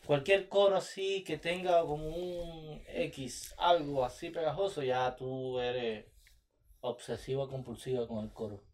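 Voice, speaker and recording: A man's voice: a little high, a little slow, a little mellow. A man hosting a casual podcast, teasing his partner in playful banter. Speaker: podcast host and producer. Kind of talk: casual couple chat.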